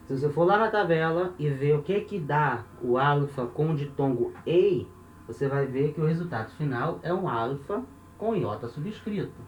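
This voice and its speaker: Standing at a board, a Brazilian man teaches step by step in a Brazilian Portuguese accent, counting aloud and often checking with his listeners. He sounds fairly high and expressive at normal speed; the audio is dull and distant, off-mic, with roomy echo and faint hiss.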